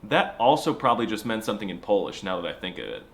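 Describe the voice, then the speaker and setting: Lively sarcastic male comedy narrator. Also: on the low side, fast. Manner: sarcastic, mock-serious jokes; slips into mock accents.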